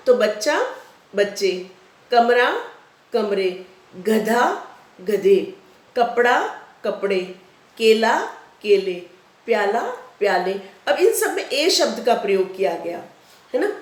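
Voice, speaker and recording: Slow, patient woman teacher in an echoey room. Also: on the high side. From India. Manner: patient, repeats rules and examples, addresses children often. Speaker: school teacher. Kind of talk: recorded Hindi grammar lesson for children.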